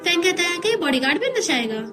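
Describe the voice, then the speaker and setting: A woman tells a drama's story in a quick, chatty recap. Her voice sits very high and she races through the scenes. Faint music plays behind her. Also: big pitch swings. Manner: brisk, chatty retelling that switches between scenes.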